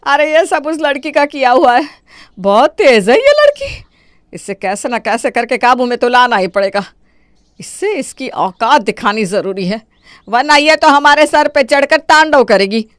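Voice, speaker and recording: A woman's voice: sits high, sing-song, moderate pace, no echo, clean studio sound, pitched above the performer's own voice. A woman voicing a scheming, melodramatic older mother-in-law who wails and complains theatrically in a cartoon.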